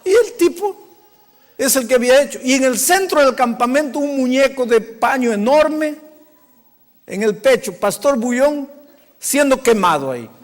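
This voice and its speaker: Give me a high-pitched male pastor telling a sermon story, animated, in a hall with long reverb. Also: normal speed. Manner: animated, swinging from loud to hushed. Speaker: pastor, preacher.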